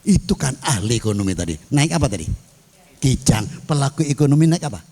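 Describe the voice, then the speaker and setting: A man's voice: medium pitch, very animated, fast, mellow. A male cleric delivering a sermon in a humorous way, often throwing questions to his audience. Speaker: cleric and mosque council chairman.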